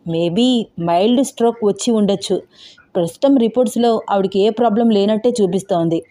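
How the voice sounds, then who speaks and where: A woman voicing a male doctor who explains slowly, mixing English phrases into his speech. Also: mid-range voice, mellow, natural voice. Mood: explaining. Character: calm male hospital doctor, measured.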